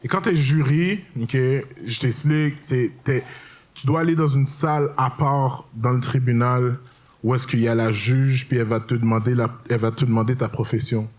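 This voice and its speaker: A man's voice: medium pitch, steady tone, normal speed, darkish tone. A young man performing a stand-up routine, telling stories in a casual, slangy way and explaining things to the crowd. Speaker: stand-up comedian. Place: comedy stage.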